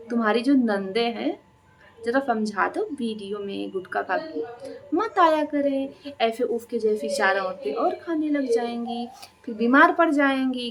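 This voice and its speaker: A woman reaction vlogger delivering a scolding, taunting monologue that is full of rhetorical questions. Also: on the high side.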